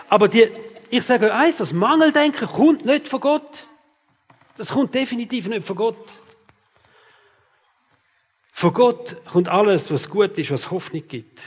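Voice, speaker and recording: Man, forties, pastor preaching, fairly high voice, long hall reverb. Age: 40s. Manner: speaks straight to listeners, often tags on "oder?". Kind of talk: sermon.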